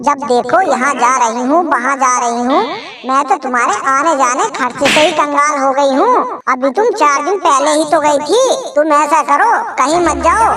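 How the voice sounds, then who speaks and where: A woman's voice: high-pitched, lively intonation, moderate pace. A woman voicing a stingy, bossy old mother-in-law in a cartoon comedy, scolding and threatening. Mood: nagging. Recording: roomy, distant echo.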